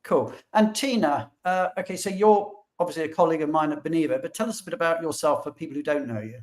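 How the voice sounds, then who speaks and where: A man hosting a live webinar, excitable and rambling, with frequent restarts. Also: fairly high pitch, fast talker. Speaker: webinar host.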